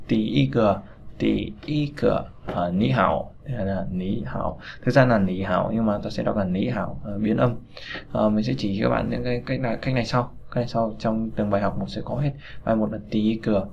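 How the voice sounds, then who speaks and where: Gravelly-voiced man teaching a casual lesson. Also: mid-range voice. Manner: hesitant, many fillers, repeats words. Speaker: Chinese language teacher. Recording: dull lo-fi recording with faint noise.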